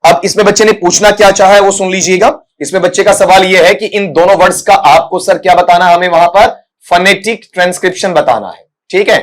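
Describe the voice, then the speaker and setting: Guy teacher with a fairly high voice, patient and repetitive, breaks words into sounds slowly. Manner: patient, repetitive, calls students "beta"; slows to sound out each speech sound. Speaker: English teacher for competitive exams. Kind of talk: explaining a lesson to exam students.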